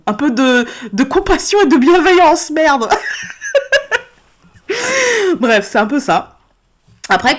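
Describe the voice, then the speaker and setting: A woman chatting frankly to camera as a card-reading vlogger, with plenty of fillers and frequent laughs, filmed indoors under spotlights. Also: medium pitch. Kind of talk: casual chat to camera. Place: indoor set lit by several spotlights.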